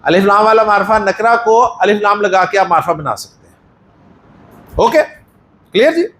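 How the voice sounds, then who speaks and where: A man's voice: high voice, animated, moderate pace, fairly bright tone, roomy sound. A male teacher with a Pakistani Urdu accent giving a Quran Arabic lesson in a mosque class, patiently quizzing students and praising their answers.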